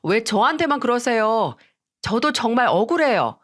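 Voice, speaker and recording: A woman's voice: a little high, very animated, normal speed, voice pushed up. A woman voicing a rude, lazy younger sister-in-law in a dismissive, whiny tone, in a radio-style story reading.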